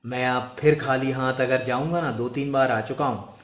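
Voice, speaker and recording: A weary death god grumbles loudly about going home empty-handed, as a man plays him. He sounds henpecked and put-upon. The voice rings in an echoey room. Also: mid-range voice, fairly even intonation, moderate pace, lightly acted. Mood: complaining. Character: male god of death, weary, afraid of his wife.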